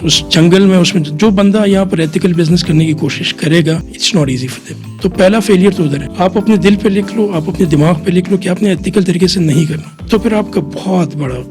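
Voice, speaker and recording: A man's voice: sits high, normal speed, hardly any pauses, over music. A middle-aged man from Quetta, a chartered accountant guest, explaining at length in a podcast interview and mixing English phrases into his Urdu. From Pakistan, Quetta. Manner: mixes English phrases into Urdu, frequent "theek hai".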